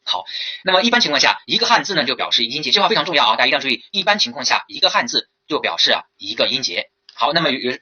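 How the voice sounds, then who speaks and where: A man lecturing very quickly in a bright, sharp, slightly husky voice, his pitch leaping about as he fires off rhetorical questions. It sounds like a dull lo-fi lecture recording. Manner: lively lecturing, many rhetorical questions and fillers. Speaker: Chinese language teacher. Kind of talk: recorded lecture for teacher certification exam.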